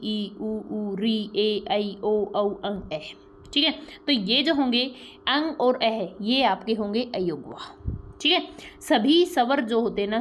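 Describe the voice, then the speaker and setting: High-voiced woman teaching grammar. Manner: explains step by step with repeated check-ins and rhetorical questions; pronounces sounds slowly and drawn out as examples. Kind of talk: grammar lesson.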